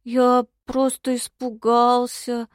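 For audiobook dialogue, a woman with a fairly high, slightly mellow voice plays a cowardly, sly young husband, drawing out his words in a sulky, snide, mocking manner. The studio-quality recording has no echo, and her voice is close to an everyday one.

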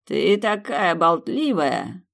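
A woman reading an audiobook, voicing a mocking, protective male demon in a slow, teasing way. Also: deep voice, expressive. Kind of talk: audiobook character voice.

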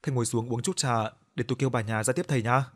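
A man voicing a grieving older father who shouts abruptly in an audio story. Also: mid-range voice, rapid-fire, close to an everyday voice. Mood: polite.

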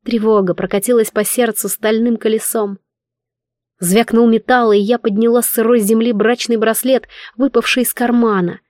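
Lady reading a fantasy audiobook in first person, fairly high voice, dry close sound. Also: moderate pace, dry recording. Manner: expressive, emotional storytelling. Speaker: audiobook narrator.

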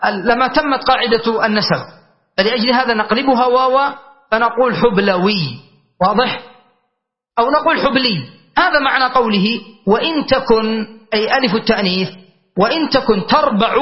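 A man teaching a classical grammar lesson, explaining patiently and checking in with his students. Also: extremely high pitch. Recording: dull lo-fi recording.

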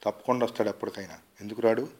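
A man's voice: on the low side, fairly even intonation, racing, a little mellow, breathy edge. A man voicing a proud, faithful young village woman in a read-aloud story, speaking firmly and plainly. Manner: firm, plain-spoken.

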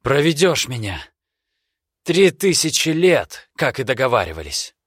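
A cornered young noble who pushes his voice up high and hard in tense, emphatic bursts, as a male narrator puts him on. His voice is pitched well above the narrator's deep one. The sound is close and dry. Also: very animated, unhurried, slightly rough, no echo. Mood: desperate.

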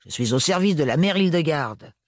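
A man voicing a gruff young woman mechanic who speaks in a curt, sullen, grumbling way. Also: on the high side, animated, fairly quick, no room sound, studio quality, pitched above the performer's own voice. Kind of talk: audiobook character voice.

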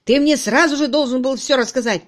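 A woman reading an audiobook, voicing an angry male police inspector who shouts and scolds his subordinate. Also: fairly high pitch, brisk, natural voice. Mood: furious.

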